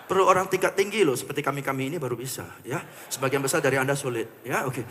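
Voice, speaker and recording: A man giving a live motivational talk, animated and playful with the audience, mixing English phrases into his speech. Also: mid-range voice, fast, slight background noise. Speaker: motivational speaker. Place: large hall with an audience. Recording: long hall reverb.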